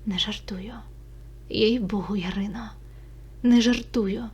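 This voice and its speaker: A woman's voice: mid-range voice, steady tone, measured pace, breathy edge. A woman whispering as a sorrowful young Cossack. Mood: tender, sorrowful. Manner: hushed, whispering.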